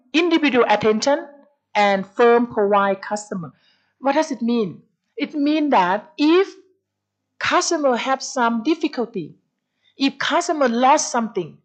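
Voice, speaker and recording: Woman lecturer, higher pitch, lively storytelling, halting phrasing. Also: poor audio. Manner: animated storytelling, acts out dialogues; halting non-native English phrasing. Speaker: guest lecturer. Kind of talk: university lecture on service quality.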